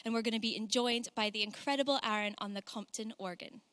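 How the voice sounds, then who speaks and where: A woman, a singing tutor leading a vocal warm-up lesson in an encouraging, cheerful way, slowing down to spell out each phrase. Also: fairly high pitch, poor audio. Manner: encouraging, cheerful, speaks slowly and clearly when demonstrating.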